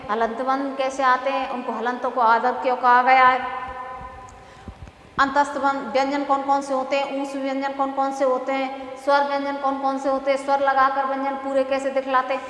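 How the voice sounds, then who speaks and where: A woman lectures in a high voice, repeating her main points slowly to teacher trainees. The sound is echoey, with a long hall reverb and a faint hiss behind her. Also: fairly bright tone. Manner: explanatory, repeats key phrases slowly. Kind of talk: classroom lecture.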